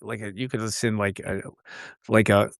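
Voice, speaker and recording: A man's voice: on the low side, level tone, moderate pace, vocal fry, dry recording, clean studio sound. A man in casual chat about fighters, laid-back and rambling, full of "like" and "dude". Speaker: podcast guest.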